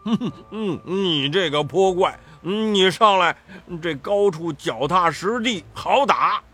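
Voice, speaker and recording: A man's voice: a little high, wildly swooping pitch, measured pace, soft background music, heavily acted. A man voicing a boastful, clumsy male pig-demon disciple in a storybook, with grunting hesitations. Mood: bellowing. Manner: grunting "嗯" hesitations, whiny big-brother pleading. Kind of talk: storybook character voice.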